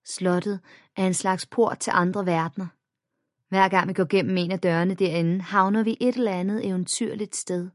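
A woman narrating a first-person children's story in a plain, even storytelling manner. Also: medium pitch, no room sound, clean studio sound. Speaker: audiobook narrator.

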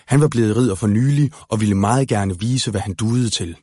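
Husky-voiced male storybook narrator. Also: lowish voice, mellow, dry recording, clean studio sound. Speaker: audiobook narrator.

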